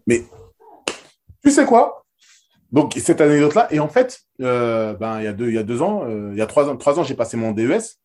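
A former basketball player and interview guest, telling anecdotes in a loose, slangy, emphatic way with many repeated words. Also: male voice, medium pitch, sing-song, brisk, a little mellow. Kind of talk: casual storytelling.

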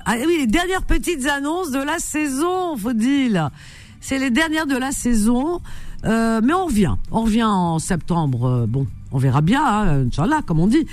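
A woman hosting a call-in radio show, animated, indignant and teasing with her callers. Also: medium pitch. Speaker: radio host.

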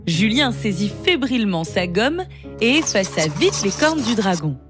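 A woman reading a children's story aloud in an expressive, lively way. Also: medium pitch, measured pace. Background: music.

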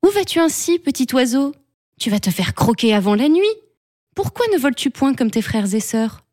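Woman doing a gentle, welcoming fir tree. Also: high-pitched, sing-song, moderate pace, dry recording, clean studio sound. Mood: concerned. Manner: gentle, warm-hearted.

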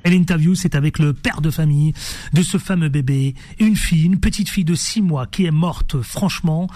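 A man hosting a radio show, talking in a playful, animated way and jumping from topic to topic. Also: a little high, moderate pace. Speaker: radio host. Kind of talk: lively radio show chat. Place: radio studio.

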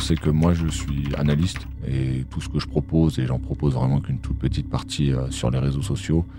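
Analyst guest, male, voice-changer disguise pushing his voice extremely deep; measured, explains things with hesitations. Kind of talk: podcast interview.

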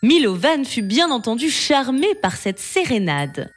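A woman storyteller reading a bedtime fable aloud in a slow, expressive way. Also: fairly high pitch, faint music behind.

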